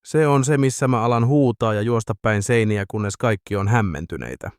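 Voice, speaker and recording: A man's voice: on the low side, no echo, clean studio sound, lightly acted. A man voicing an erratic, blustering male drunk in an audiobook.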